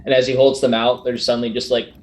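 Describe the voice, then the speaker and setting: A man's voice: medium pitch, level tone, quick pace, darkish tone, echoey room, slight background noise. A man playing a tabletop game, talking casually as he describes actions and asks questions.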